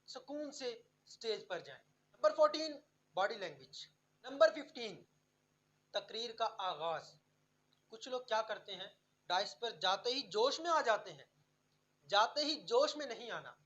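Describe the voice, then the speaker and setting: A woman narrating a scripted tutorial on public speaking, counting off numbered tips in a clear, instructive way. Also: fairly high pitch, a bit bright.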